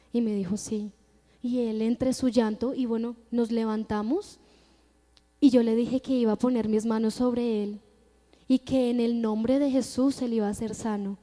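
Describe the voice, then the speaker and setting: A young woman with a Colombian Spanish accent gives an earnest testimony during a church service, her high-pitched voice carrying a dark tone. She tells her story emphatically, in the manner of a testimony sermon. The church hall adds a long reverb to the recording.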